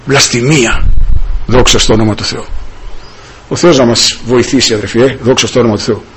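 A man's voice: fairly even intonation, slight background noise, rough recording. A man preaching a sermon with passion, breaking into hallelujahs. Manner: impassioned, rising and falling pitch, many hallelujahs.

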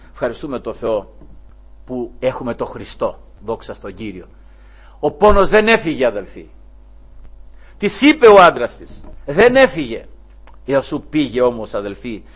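A man preaching a sermon. He calls his listeners "brothers" and keeps coming back to praise of the Lord. He swings between loud raised exclamations and hushed, low asides. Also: slightly rough. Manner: repeats "brothers" and "glory to the Lord" as refrains.

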